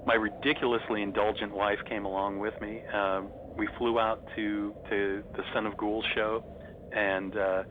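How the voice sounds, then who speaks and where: A middle-aged man reminisces like an enthusiastic fan in a casual interview. His voice is a little on the low side and comes over a thin, phone-like connection with clear noise behind it. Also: little pitch movement, moderate pace. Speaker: interview guest, horror host. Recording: noisy, thin phone-like line.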